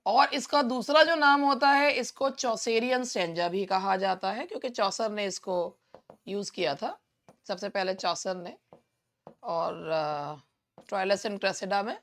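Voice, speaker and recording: An Indian woman with a hoarse, sore-sounding throat teaches an online English exam-prep lesson in a chatty manner, frequently clearing her throat. Her voice is medium in pitch and a bit bright, and she speaks slowly.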